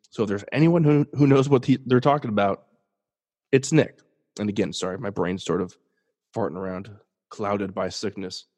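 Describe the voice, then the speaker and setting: A young man with a fairly low, darkish voice does a solo sports podcast, sounding congested and sniffly. His chat is casual and jokey, with restarts and self-deprecating asides.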